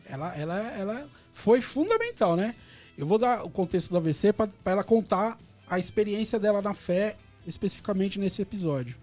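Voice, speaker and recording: Brazilian male radio guest; high, rapid, animated storyteller at a studio mic. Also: faint music behind. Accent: Brazilian Portuguese.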